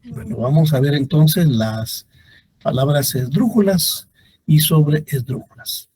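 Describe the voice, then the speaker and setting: A male teacher lecturing a class on grammar, his voice mellow and a little husky. He reads example words one by one at an unhurried pace. The sound is close and dry. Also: on the high side, lively intonation, dry recording. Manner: slow, deliberate reading of example words; addresses students directly.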